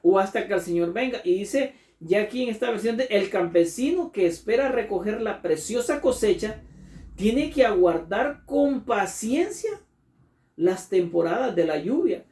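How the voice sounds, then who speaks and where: Male pastor, earnest emphatic sermon delivery; dark gravelly tone, recorded distant in a roomy hall. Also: high-pitched, animated. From Latin America. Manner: earnest, slow and emphatic, often addressing listeners as brother. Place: church. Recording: echoey church room from far off.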